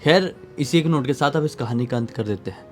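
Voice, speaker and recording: A man's voice: mid-range voice, a little fast, faint music behind. A man hosting a horror story channel, closing the episode in a chatty sign-off. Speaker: channel host. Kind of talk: casual outro sign-off.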